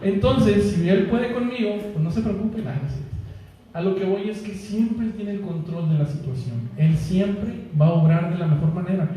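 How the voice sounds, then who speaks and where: A man with a Mexican accent preaches in a high, mellow voice, telling a story from his own life in a jokey, chatty way. He is picked up from a distance in a very echoey church hall with a faint hum behind him. He laughs easily at his own jokes. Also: moderate pace. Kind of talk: sermon with a personal story.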